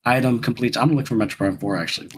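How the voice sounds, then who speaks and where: A man co-hosting a podcast in casual chat, rambling and halting, with many restarts. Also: mid-range voice, low-quality recording. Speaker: podcast co-host.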